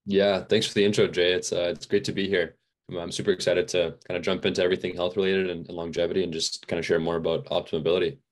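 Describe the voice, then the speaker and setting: Deep-voiced young man rambling casually. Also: little pitch movement, fast. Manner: rambling, many fillers and restarts. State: a little fatigued. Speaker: podcast guest. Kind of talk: casual interview chat.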